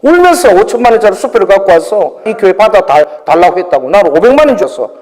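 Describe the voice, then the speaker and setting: A female pastor preaching with personal testimony, swinging between loud exclamations and soft asides and laughing at herself. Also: mid-range voice, big pitch swings, fast. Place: church hall. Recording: long hall reverb.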